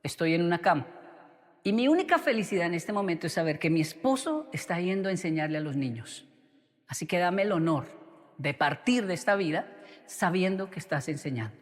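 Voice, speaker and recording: A man voicing a gravely ill wife who speaks gently but firmly and earnestly. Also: high voice, sing-song, fairly quick, long reverb tail.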